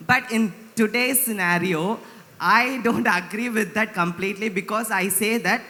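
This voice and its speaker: A man's voice: sits high, moderate pace, bright, forceful tone. A man in his twenties with a South Indian accent, earnestly asking a long, wordy question from the audience. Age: 20s. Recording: echoey hall with long reverb.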